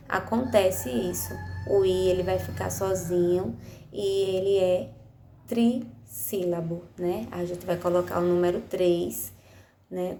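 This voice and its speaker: A woman primary school teacher, giving a recorded remote lesson to children, speaking slowly and patiently, stretching out words and often asking "né?" to check they follow. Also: lowish voice, creaky, dark tone. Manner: slow, patient, stretches out words for young pupils; affectionate diminutives, checks understanding with frequent "né?". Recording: echoey room with faint noise.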